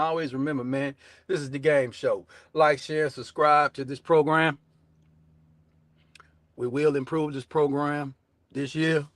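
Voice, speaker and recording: A man's voice: a little high, a bit bright, no room sound. A man with a Southern US accent hosting a show with casual political commentary in a brash, profane, slangy way, repeating his catchphrases. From southern United States. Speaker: show host.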